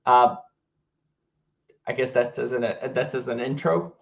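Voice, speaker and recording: A man from Hungary with a Hungarian accent, a game studio co-founder chatting casually in an interview, relaxed and full of fillers and restarts. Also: mid-range voice, unhurried, creaky, lo-fi sound.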